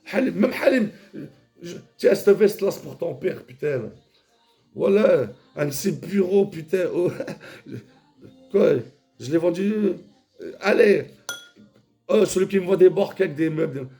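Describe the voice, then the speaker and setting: A man rambling in a casual, vulgar monologue, jumping between mumbles and shouts. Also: sits high, a little slow, long pauses, faint music behind.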